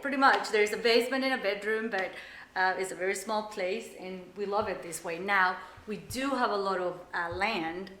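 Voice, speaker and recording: A woman's voice: medium pitch, a bit bright, slight background noise. A woman in her forties from El Salvador, a native Spanish speaker, telling her story casually with many fillers and restarts as she walks through her house. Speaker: interviewee. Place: her house, walking from room to room. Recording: echoey room, faint ambience.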